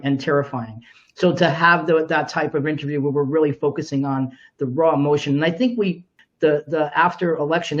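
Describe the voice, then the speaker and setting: A man's voice: on the high side, highs cut off. A man, a film director, speaking earnestly and emphatically on a festival Q&A panel.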